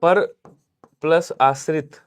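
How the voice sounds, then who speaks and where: A man teaching an exam-prep Hindi lesson, working through questions and answering for his students in an animated way. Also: fairly high pitch, slow, smooth. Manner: animated, chanting examples and answering for the class; talks to viewers directly with tag questions.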